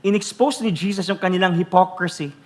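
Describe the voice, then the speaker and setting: A Filipino man preaching a sermon as pastor, teasing the congregation with rhetorical questions and loudly acting out quoted voices. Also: high voice, brisk. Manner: switches between Tagalog and English, acts out quoted voices loudly.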